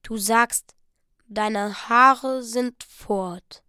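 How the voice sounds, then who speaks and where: A woman reading the part of a young husband, speaking slowly, haltingly and earnestly. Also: fairly high pitch, fairly even intonation, fairly bright tone, clear, resonant tone, dry recording, studio quality. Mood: stunned. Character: young husband, stunned and slow-spoken.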